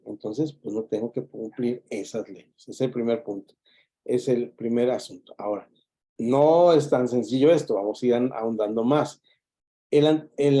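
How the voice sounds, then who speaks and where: A man's voice: medium pitch, mellow. A man teaching a Bible lesson in a classroom, explaining step by step, repeating key points and restarting words as he goes. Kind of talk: classroom lecture.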